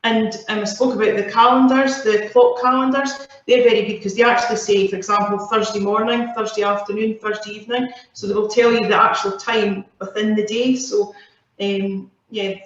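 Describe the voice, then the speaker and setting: A woman's voice: medium pitch, fairly even intonation, moderate pace. A woman speaking as an occupational therapist over a video call, explaining plainly and listing examples. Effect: heard over a video call. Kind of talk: casual explanatory talk. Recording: muffled, very echoey video call audio.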